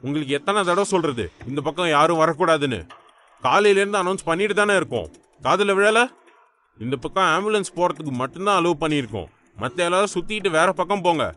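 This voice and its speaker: A man's voice: fairly high pitch, lively intonation, fast talker. A man voicing a stern, impatient police officer scolding drivers, in an audiobook. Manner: scolding, loud.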